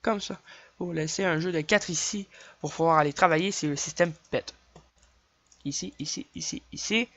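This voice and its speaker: A man's voice: a little high, fairly bright tone, dry recording. Québécois guy narrating a lo-fi game tutorial. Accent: Québécois French. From Quebec. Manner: chatty, counts clicks aloud, quick apologies. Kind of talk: casual screen-recorded game tutorial. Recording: dull lo-fi dry home mic.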